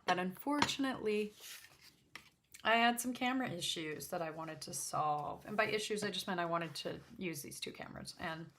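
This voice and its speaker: A woman speaks in a fairly low register with a slightly gravelly edge. She hosts a casual art demonstration in a chatty, unscripted way. Her talk rambles, with self-interruptions and an apologetic manner. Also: normal speed, fairly bright tone. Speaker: host of an art livestream swatching watercolors. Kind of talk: casual chat to camera while demonstrating. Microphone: backup microphone.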